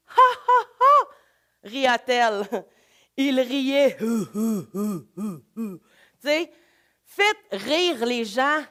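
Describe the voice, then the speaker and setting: A woman with a Québécois accent, leading a live laughter workshop in an energetic, coaxing way. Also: high-pitched. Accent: Québécois French. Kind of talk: live workshop talk to an audience.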